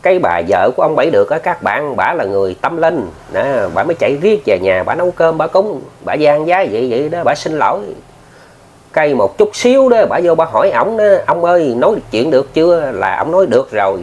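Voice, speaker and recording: Southern Vietnamese man, higher voice, animated folksy ghost-story teller talking straight to listeners, muffled home recording. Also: brisk. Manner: chatty, addresses listeners often, many filler words. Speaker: ghost story narrator, channel host. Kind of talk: casual spoken storytelling.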